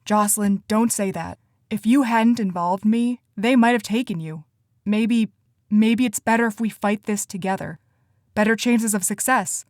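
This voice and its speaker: A woman voicing an earnest, anxious teenage boy who talks eagerly in rushes, in an audiobook. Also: medium pitch, a little mellow, no room sound, clean studio sound, natural voice. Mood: reassuring.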